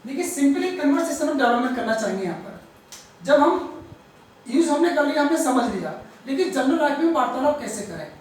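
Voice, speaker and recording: A woman teaching English grammar, explaining slowly, repeating words and stressing each example sentence. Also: sits high, big pitch swings, a little hiss or hum. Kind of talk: grammar lesson. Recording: echoey room, far from the mic.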